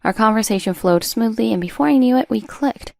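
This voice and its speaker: A woman reading a first-person drama story as a narrator in a steady storytelling delivery. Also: on the high side, a little fast, gravelly, no echo.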